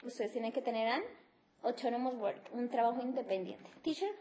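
A woman's voice: a little high, a little fast, mellow. A middle-aged woman, teaching an English phonetics class on TV and explaining sounds step by step, mixing in English. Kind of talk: televised class lecture.

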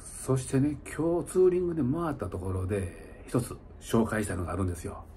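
A middle-aged motorcycle touring vlogger with a Kansai accent chats to viewers livestream-style from a small indoor lodging room, slightly tipsy after an hour of drinking. He rambles casually, chuckles, and drifts into asides in a mid-range, dark voice with big pitch swings and a slightly fast pace. Noticeable room noise sits in the background.

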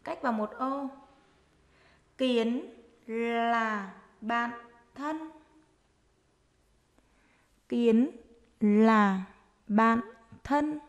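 Woman teacher dictating very slowly. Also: on the high side, muffled recording. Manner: dictating short phrases slowly, word by word, repeating each. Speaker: primary school teacher. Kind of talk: dictation lesson for young pupils.

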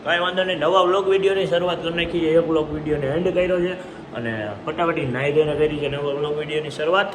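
A man's voice: a little high, steady tone, quick pace. A male vlogger, chatting casually to viewers on his phone camera as he goes about town. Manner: chatty, greets viewers warmly with devotional calls. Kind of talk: casual vlog chat. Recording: noisy street background.

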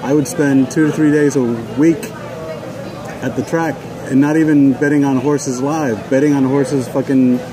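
A man's voice: mid-range voice, flat delivery, normal speed, a crowd in the background. A man co-hosting a casual show at an outdoor racetrack terrace, laid-back and slangy, often saying dude. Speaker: podcast co-host. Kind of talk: casual chat. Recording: outdoor noise in background.

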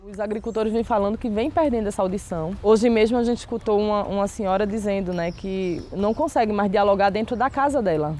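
A woman's voice: mid-range voice, quick pace, mellow. A woman researcher explaining findings in an informative interview.

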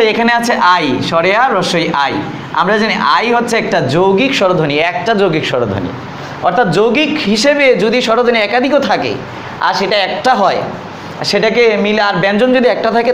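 High-pitched guy lecturing, lots of "ah"s, roomy echo. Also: a bit bright. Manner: explains step by step, repeats key terms, frequent "ah" fillers. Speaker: teacher. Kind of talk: classroom lecture. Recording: echoey room with faint noise.

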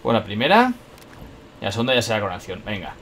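A young man from Spain with a Spanish accent, commenting on his own gameplay and talking to himself, excitable and swearing often. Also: on the low side, fast talker, a little hiss or hum. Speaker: gaming YouTuber.

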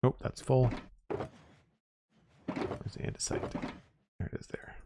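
Heavy background noise surrounds this Minecraft streamer as he slowly and casually chats with viewers during a building session. He's relaxed and keeps talking to chat, even as his voice wears thin from a long day.

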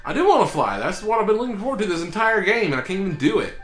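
A young man hosting a let's play, commenting excitedly, swearing and laughing at the game. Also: high voice, rapid-fire. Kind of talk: casual gameplay commentary. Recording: echoey room with faint game music. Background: faint game music.

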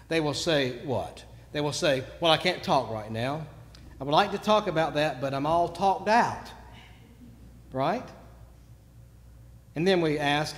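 A man preaching a sermon, telling stories and moving between quiet asides and sudden loud bursts. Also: fairly high pitch. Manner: storytelling, swings from quiet to shouting. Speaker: pastor. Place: church sanctuary. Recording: long church reverb.

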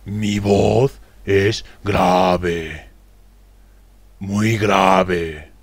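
A man with a deep voice playing a character in a children's music lesson, speaking slowly and expressively to young viewers. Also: big pitch swings, fairly bright tone, a little hiss or hum, exaggerated voice. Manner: slow, exaggerated teacher-like speech to children. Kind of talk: children's educational acting.

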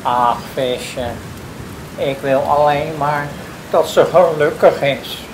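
A woman's voice: deep voice, takes it slowly, background noise. A woman voicing a timid, anxious humble fisherman who pleads hesitantly.

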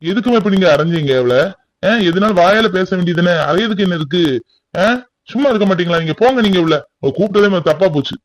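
A man's voice: high voice, lively intonation, fast, no echo, low-quality recording. A man playing a sarcastic stern older brother. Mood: mocking. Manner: sarcastic, dismissive.

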